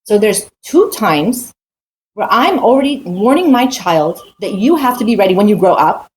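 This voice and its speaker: An adult woman gives a casual, earnest spoken talk on the weekly Torah portion, often restarting her sentences and posing rhetorical questions. Her voice is medium-pitched and expressive at a normal pace. The recording is rough, with a little hiss or hum.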